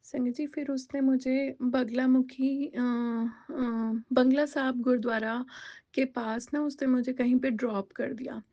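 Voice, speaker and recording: A woman's voice: high voice, fairly even intonation, unhurried, warm tone, dull audio. A woman telling a personal devotional testimony in a conversational way, slipping English words into her talk with many fillers.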